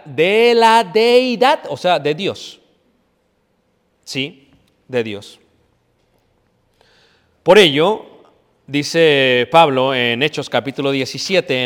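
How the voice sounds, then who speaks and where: A man preaching a sermon, emphatic, asking questions and answering them himself. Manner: emphatic teaching, asks and answers his own questions; drops to a quiet, low voice when telling a personal story. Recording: hall with long reverb.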